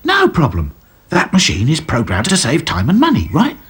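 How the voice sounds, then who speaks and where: A man's voice: on the high side, wildly swooping pitch, moderate pace, a bit bright, husky, voice pushed up, heavily acted. A man voicing a cheerful, scheming young male rag doll who talks perkily. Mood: perky.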